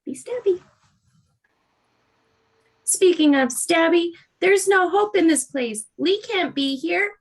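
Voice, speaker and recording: A woman voicing a tiny, eerie companion that keeps urging stabbing, in a breathy sing-song. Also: extremely high pitch, slow, long pauses.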